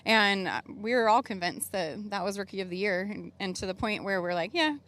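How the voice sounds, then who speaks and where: A woman rally driver telling her team's story in a relaxed way, laughing often, during a casual interview. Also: mid-range voice, brisk.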